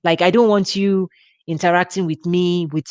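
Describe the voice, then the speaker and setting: A ministry host with a Nigerian accent gives an informal teaching talk, chatting conversationally with frequent restarts and laughs. Her voice is fairly low, a little mellow and clean in tone, with fairly even intonation at a normal speed, recorded dry.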